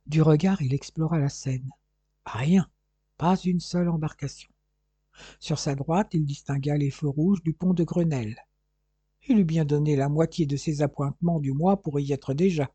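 A man reads a crime novel aloud as an audiobook narrator, keeping an even, measured pace. His voice is dark and mellow, a little husky, and sits slightly high for a man. The sound is dry and close. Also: dry recording.

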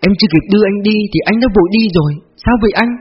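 A man's voice: high-pitched, rapid-fire, husky, highs cut off, pitched above the performer's own voice. A man voicing a younger woman in an audiobook who sobs as she mourns a mentor. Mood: sobbing. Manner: sobbing.

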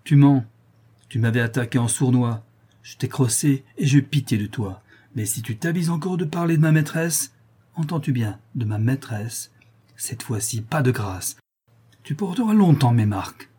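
A man's voice: medium pitch, animated, normal speed, dark tone, breathy edge. A man reading an audiobook, voicing a young man who warns his brother in firm, restrained anger. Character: young man holding back fierce anger.

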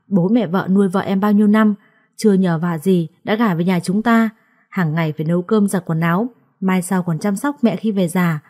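A woman's voice: mid-range voice, warm tone, close to an everyday voice. Woman voicing a firm young husband. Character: young husband, calm then angry.

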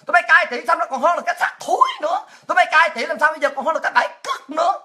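A woman from Vietnam, delivering a ranting, mocking monologue as a political commentator, often shouting. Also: very high voice, rapid-fire. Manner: shouting, mocking, with crude insults and laughs.

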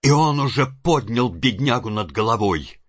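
A man narrating an audiobook in a steady storytelling manner. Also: medium pitch, normal speed, breathy edge, no room sound, muffled recording. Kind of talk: scripted narration.

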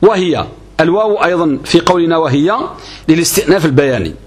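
A man's voice: fairly high pitch, expressive, fast talker. A man teaching a grammar lesson on a classical text. He works through it step by step, asking questions and answering them himself. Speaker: religious teacher.

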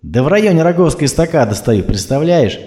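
A man's voice: fairly high pitch, very animated, brisk, warm tone, voice pushed up. A man voicing an indignant young woman. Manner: indignant, snapping. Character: irritable young woman doctor stuck in traffic. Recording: roomy echo.

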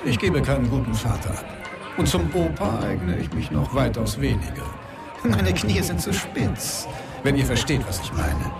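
A man playing Death in a radio play as a formal, solemn, weary father who speaks in measured, slightly hesitant phrases. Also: mid-range voice, big pitch swings, gravelly. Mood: wry, reticent. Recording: crowd and music behind.

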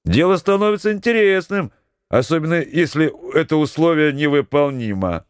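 A man voicing an excitable, red-haired young sailor who jokes and shouts at his comrades. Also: normal speed, smooth, no room sound, studio quality, lightly acted. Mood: teasing. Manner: shouting, teasing, high-pitched.

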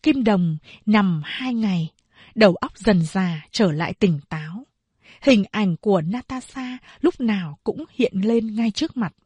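A woman narrating an audiobook of a novel in a slow, steady storytelling voice. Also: medium pitch, husky, no echo.

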